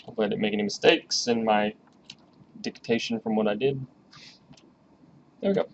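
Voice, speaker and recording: A brisk, medium-pitched man in his thirties leads a classroom programming lesson. He keeps things loose and chatty, encouraging students to ask whatever they want. The lo-fi recording sounds dull, with faint hiss in the background.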